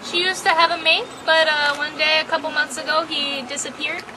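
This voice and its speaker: A high-pitched female tour guide gives an informal, explanatory commentary with the odd dry joke. She is outdoors on a boat, and loud engine and vehicle noise runs behind her voice. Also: little pitch movement, brisk. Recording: noisy outdoor recording with engine rumble.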